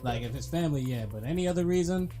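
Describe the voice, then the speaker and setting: High, lively teasing man. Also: soft background music. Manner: teasing, quick jokes. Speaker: podcast co-host. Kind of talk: casual group chat.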